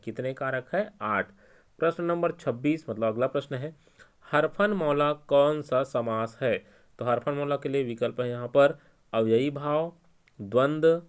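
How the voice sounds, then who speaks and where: Casting: man, Chhattisgarhi Hindi accent, exam-prep teacher, patient and repetitive. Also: mid-range voice. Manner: explains step by step, repeating key answers.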